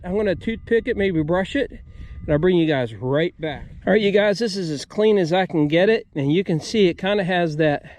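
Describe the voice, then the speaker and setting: A man's voice: high voice, darkish tone. An American man hosting a metal detecting video outdoors, talking viewers through each step in a casual, folksy way. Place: outdoors at an old homesite.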